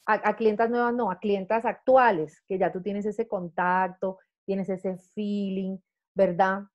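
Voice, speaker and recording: A woman leads an online sales training for her team in a lively, conversational way, peppering her points with quick check-ins. Her voice sits at an ordinary middle pitch for a woman. It comes through slightly dull, lo-fi video-call audio. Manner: lively, chatty, tags points with "¿verdad?" and "¿sí?". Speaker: sales director coaching consultants.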